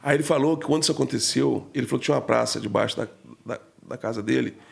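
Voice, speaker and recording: A man's voice: medium pitch, racing, gravelly. A man talking as a podcast guest, telling an emotional story in a slangy, casual way full of fillers.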